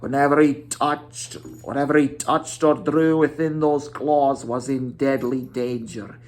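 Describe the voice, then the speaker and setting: A storyteller giving a dramatic storybook reading, with theatrical, weighty delivery and drawn-out emphasis. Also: medium pitch, fairly even intonation, darkish tone.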